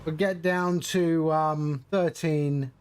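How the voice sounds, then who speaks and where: A man's voice: fairly high pitch, steady tone, takes it slowly, a little hiss or hum. A man giving casual, chatty live commentary as a flight sim streamer. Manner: chatty, greets viewers while narrating flying.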